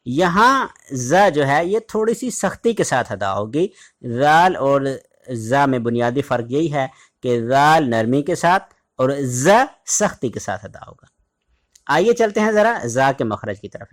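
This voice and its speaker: A man with a Pakistani Urdu accent teaching an online Quran recitation lesson, slowly drawing out each letter sound for students to practise. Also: medium pitch. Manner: slow, careful, drawn-out letter sounds for practice.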